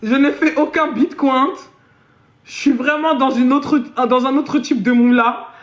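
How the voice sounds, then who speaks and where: A woman live streaming a comedic chat, boasting and switching into deliberately broken English. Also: sits high, fairly even intonation. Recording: dull echoey room audio.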